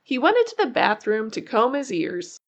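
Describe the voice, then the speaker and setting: A woman reading a children's story aloud in an expressive way, drawing out key words for suspense. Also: a little high, normal speed. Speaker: children's book narrator. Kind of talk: animated read-aloud storytelling.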